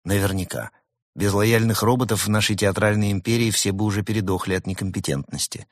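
A man voicing a sly, ironic male fox who talks in a dry, unhurried, sardonic way. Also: lowish voice, steady tone, no echo, close to an everyday voice. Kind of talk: audiobook reading.

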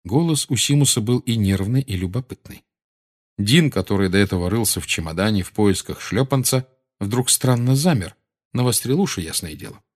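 A man narrating an audiobook in a lively storytelling manner. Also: on the low side, moderate pace. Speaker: audiobook reader.

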